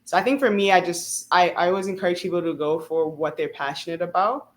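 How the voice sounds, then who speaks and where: A young adult woman from South Africa, whose first language is Swahili, appears as a student guest in a casual interview. She talks fast in a low voice, chatty, earnest and emphatic.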